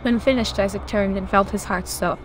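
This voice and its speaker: A woman narrating a scripted horror story in a steady, measured way. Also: medium pitch, soft background music.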